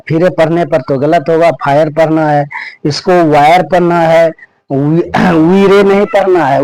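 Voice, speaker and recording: A man teaching English pronunciation rules, repeating each rule and word slowly. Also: on the high side, darkish tone, rough recording. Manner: slow, repeats rules and words over and over. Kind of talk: pronunciation lesson.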